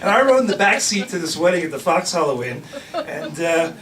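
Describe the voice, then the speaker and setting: An older man from the New York area telling a rambling personal story on stage, animated, with restarts and laughs. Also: fairly high pitch, a little fast, recorded from a distance, crowd noise.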